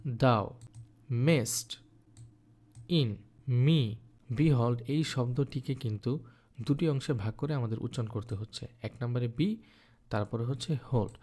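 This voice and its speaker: An English teacher records an online course lecture on poetry scansion, patiently going step by step, posing questions and answering them himself, and slowing to sound out words syllable by syllable. His voice is mid-range and mellow.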